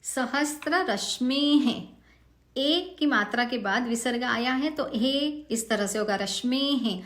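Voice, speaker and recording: A woman's voice: fairly high pitch, a bit bright, reverberant. A woman teaching careful pronunciation of a devotional hymn in a recorded online lesson, patient and drawing out each example word. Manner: slow, patient, drawn-out example words.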